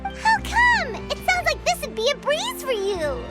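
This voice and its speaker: A woman voicing a tiny, cheeky, excitable childlike fairy companion in a video game, squeaky and exclamatory. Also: moderate pace. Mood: coaxing. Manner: squeaky, exclamatory, speaks of self in third person. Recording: prominent music behind the dialogue.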